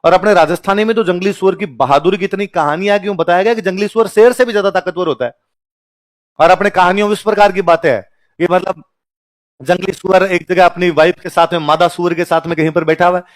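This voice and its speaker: A man's voice: high-pitched, steady tone, quick pace. A man teaching history, telling stories, joking and quizzing the class. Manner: chatty, jokes and laughs. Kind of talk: history lecture with storytelling.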